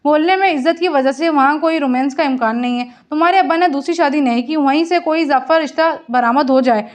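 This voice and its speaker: A woman with a Pakistani Urdu accent reading a romantic comedy novel aloud, lively and acting out the characters' lines. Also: high-pitched, quick pace. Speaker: storyteller. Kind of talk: novel reading with voiced dialogue.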